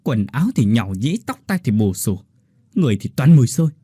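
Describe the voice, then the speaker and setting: A man's voice: medium pitch, sing-song, brisk, a little mellow, dry recording, clean studio sound. A man voicing an arrogant, angry husband who scolds his wife harshly and with contempt. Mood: contemptuous anger. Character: angry arrogant male sales director husband.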